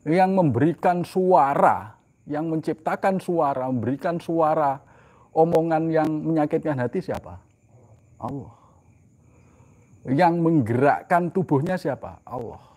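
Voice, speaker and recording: Male preacher, fairly high voice, rhetorical questions, loud emphatic peaks and hushed asides. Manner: rhetorical questions answered himself, mixing in Javanese phrases; swings from loud emphatic lines to soft low asides. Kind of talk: sermon.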